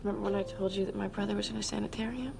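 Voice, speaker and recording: An actress playing a coolly manipulative, seductive lover in a television crime drama, her voice sometimes breathy. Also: medium pitch, steady tone, rapid-fire. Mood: pleading, calculated.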